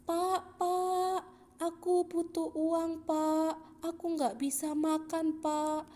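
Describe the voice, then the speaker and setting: A woman voicing a blind male beggar, pleading and calling out in loud, high cries in a children's Bible story. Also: level tone, very slow, big-room sound, heavily acted.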